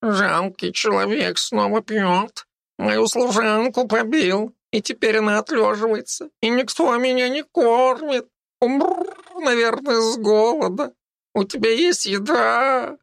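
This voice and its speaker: A man voicing a cheeky, hungry male cat in an audiobook, pleading in a drawn-out, whiny way. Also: extremely high pitch, vocal fry, fairly bright tone, no echo, clean studio sound, pitched above the performer's own voice, full character voice.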